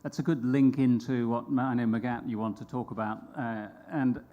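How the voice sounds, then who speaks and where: A man moderating a conference panel, asking measured, probing questions. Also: medium pitch, flat delivery, mellow, dull audio.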